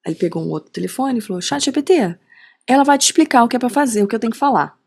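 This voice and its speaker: Talking rapid-fire in a high voice with a breathy edge, this middle-aged Carioca woman is a podcast guest who works as a digital marketing strategist. In the relaxed interview, she animates her stories by performing others' dialogue and frequently uses tag questions.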